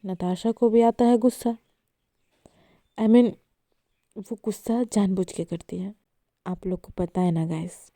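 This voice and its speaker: A woman's voice: mid-range voice, warm tone, no echo. A woman casually narrating a love story to her listeners in a chatty way, mixing in English words.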